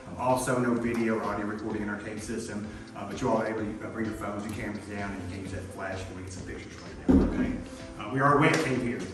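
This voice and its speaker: A man briefs a tour group in a folksy, instructional way. He talks quickly in a lowish voice. The recording is very echoey, with clear music over it. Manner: folksy, instructional, often checking with "okay?". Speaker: tour guide. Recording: very echoey, distant voice under music.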